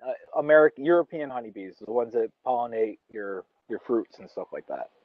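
A man's voice: mid-range voice, animated, fairly quick, no room sound. Chatty young man, dull lo-fi sound. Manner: rambling, chatty, with many fillers and restarts. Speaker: vlogger. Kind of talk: casual talk while eating. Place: outdoors under a tree in a yard.

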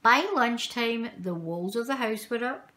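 A woman with a fairly high-pitched voice reads a children's picture book aloud. Her storytelling is expressive and measured, with dramatic emphasis aimed at young listeners.

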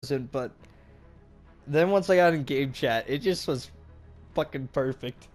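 A man's voice: medium pitch, unhurried, faint music behind. A young man with a congested cold, chatting crudely and laughing often during casual gameplay commentary. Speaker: gamer and channel host.

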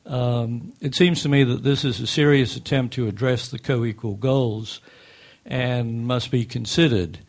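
An older man addresses a council from a desk microphone in an indoor meeting room. He talks in a measured, technical way and pauses often on fillers, his pitch sitting in an ordinary middle range. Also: fairly even intonation. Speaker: public commenter. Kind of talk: public comment at a council meeting. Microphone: desk microphone on a stand.

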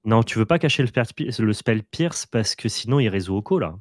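A man's voice: lowish voice, lively intonation, a little fast, no room sound. A man co-hosting a card game video, coaching the player and explaining plays patiently in casual chat. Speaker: co-host advising the player.

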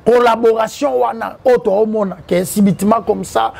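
Man, high gravelly voice, husky, preachy, quotes scripture. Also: fairly even intonation, moderate pace, a little mellow. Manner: preachy, cites the Bible. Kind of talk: interview mixing French and Lingala.

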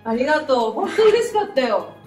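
A woman's voice: high voice, sing-song, brisk, a little mellow. A young woman comedian chatting casually in a teasing manner. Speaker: comedian pulling a prank. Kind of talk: casual chat. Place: small meeting room with hard walls. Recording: echoey room, distant mic, music behind.

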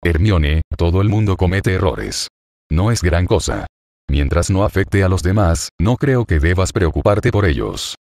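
A calm, kind young student wizard, read by a man with a deep voice. He reassures in an even, steady tone. The recording is dry and close. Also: a little slow, vocal fry, dry recording, heavily acted. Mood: reassuring.

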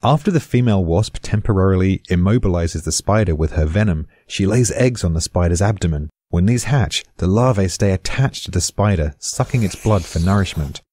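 A man's voice: sits low, expressive, fairly quick, few pauses, warm tone, no room sound. A British man giving a scripted podcast explanation in a dry, darkly amused way.

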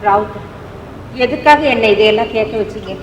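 A woman's voice: medium pitch, normal speed, natural voice. An actress playing a stern mother on stage, reproachful and indignant. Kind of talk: 1970s Tamil stage play acting. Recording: echoey hall, faint noise, heard from far.

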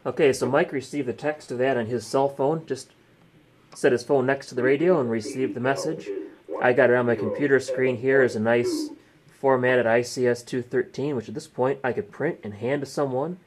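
A man's voice: medium pitch, steady tone, normal speed. A man presenting a casual hands-on demonstration, explaining each step as he goes. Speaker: exercise participant and presenter. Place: small indoor radio desk. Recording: faint room noise.

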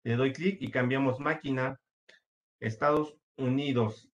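A man's voice: medium pitch, fairly even intonation, measured pace, lo-fi sound. A man teaching a computer class, walking students through each step patiently with frequent fillers. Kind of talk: screen-share computer lesson.

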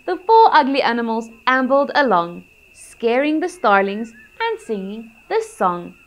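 Slow, high-voiced children's storyteller woman. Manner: gentle, expressive, rhythmic reading with gasps. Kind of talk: reading a picture book aloud.

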